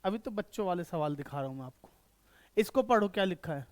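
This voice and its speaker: During an online accountancy lecture, a man's very high, smooth, resonant voice comes across expressive and darkish. He rattles off quick questions, answers each himself, and checks time after time that students follow.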